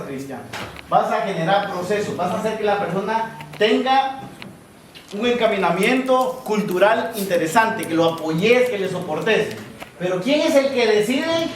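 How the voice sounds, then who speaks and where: A man, giving a lively talk to students, often asking the room questions and acting out small scenes. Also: high voice, recorded from a distance, a little hiss or hum. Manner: asks the audience constant questions; acts out both sides of little scenes. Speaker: speaker at a university talk. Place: large hall with audience. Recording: echoey lecture hall, voice heard from afar.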